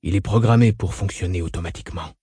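A man's voice: medium pitch, fairly even intonation, a little fast, warm tone, husky, no echo, studio quality, lightly acted. A man voicing a terse male escort who gives clipped, urgent orders and whispers when hiding. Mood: whispering.

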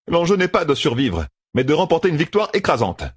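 A man's voice: on the high side, sing-song, a little fast, slightly rough, dry recording, clean studio sound, pitched above the performer's own voice. A man voicing a brash young gambler turned general who commands with urgency, in an audiobook. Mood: resolute. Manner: urgent, commanding, shouts orders.

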